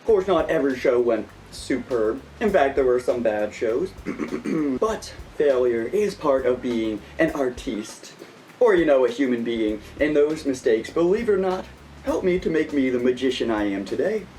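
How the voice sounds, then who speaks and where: A man's voice: medium pitch, expressive, moderate pace, darkish tone, slight background noise. Playful kids' party magician, man, slightly distant. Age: late 20s. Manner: playful, exaggerated showmanship with corny jokes. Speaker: magician and video host.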